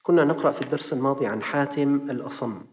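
Male Levantine preacher, quick and animated, acts out his stories, recorded with a lingering hall reverb. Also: medium pitch. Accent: Levantine Arabic. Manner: animated storyteller acting out dialogue. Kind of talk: sermon lesson with storytelling.

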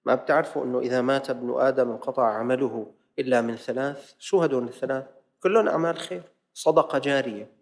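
A man preaching to a congregation in a mosque. He slips from quick colloquial speech into slow, drawn-out classical quotations and acts out the questions of worshippers. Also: mid-range voice. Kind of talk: lesson-sermon to a congregation. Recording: long hall reverb.

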